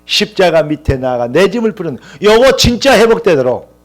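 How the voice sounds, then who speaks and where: A man's voice: high-pitched, big pitch swings, a little fast. A male pastor preaching a sermon with impassioned, rising emphatic lists and calls of hallelujah.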